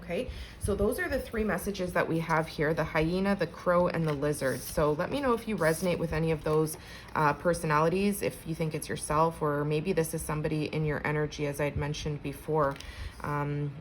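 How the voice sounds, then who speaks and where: A woman's voice: low-pitched, a little fast, slight background noise, rough recording. A woman giving a casual collective tarot reading, chatting conversationally and speaking straight to her viewers. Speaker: tarot reader.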